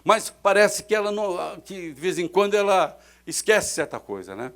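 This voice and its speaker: Fervent Brazilian pastor, higher voice. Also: male voice, very animated, normal speed. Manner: fervent preaching with sudden swells and drops in loudness. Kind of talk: sermon. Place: church.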